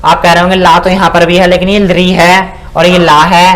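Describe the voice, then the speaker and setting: High-voiced man teaching pronunciation. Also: little pitch movement, a bit bright, a little hiss or hum. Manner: repeats "ठीक है ना" and sounds out syllables slowly. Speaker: Sanskrit grammar teacher. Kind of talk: spoken lesson explaining pronunciation.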